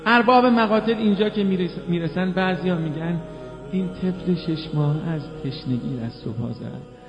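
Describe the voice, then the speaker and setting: A man preaching a mourning sermon, moving between spoken telling and melodic chanting of quoted lines. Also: sits high. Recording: reverberant hall, dull lo-fi sound, faint music.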